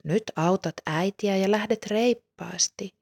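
A woman reading the lines of a gentle, patient peasant mother in a soft, reassuring way. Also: mid-range voice, gravelly.

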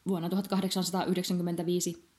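Woman voicing a kindly miller man, polite, hospitable, mellow, warm, storybook. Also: fairly low pitch, flat delivery, natural voice.

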